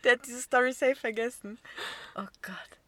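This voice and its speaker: A woman, chatting casually as a podcast co-host and telling animated stories with lots of laughter. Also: fairly high pitch, normal speed, dry recording. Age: 20s. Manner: animated storytelling, laughs often. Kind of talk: casual chat.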